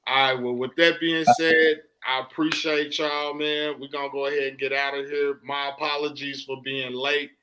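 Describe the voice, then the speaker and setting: A man's voice: mid-range voice, flat delivery, moderate pace, hardly any pauses, bright, forceful tone, low-quality recording. A man hosting a podcast, delivering an impassioned, emphatic soapbox monologue in casual, slangy, profane speech, often repeating himself for emphasis. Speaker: podcast host.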